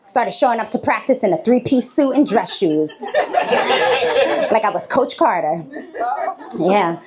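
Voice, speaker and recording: Lively woman doing stand-up. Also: fairly high pitch, takes it slowly, pauses often, over a noisy crowd. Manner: animated storytelling, laughing between lines. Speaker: stand-up comedian. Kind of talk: stand-up comedy set. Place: comedy stage before a live audience.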